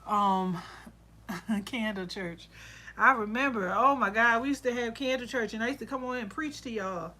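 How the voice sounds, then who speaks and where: A woman's voice: a little high, normal speed, sharp tone. A woman hosting a casual livestream, chatting and venting, laughing often and quoting herself. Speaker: soap and candle maker hosting a livestream. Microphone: laptop microphone.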